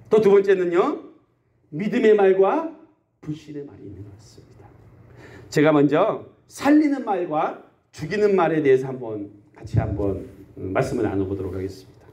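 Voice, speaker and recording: Preaching on a Sunday in a country church, this male pastor speaks in a fairly high, sing-song voice with a dark tone, a little on the fast side. He asks the congregation questions he then answers, and acts out everyday complaints in quotes.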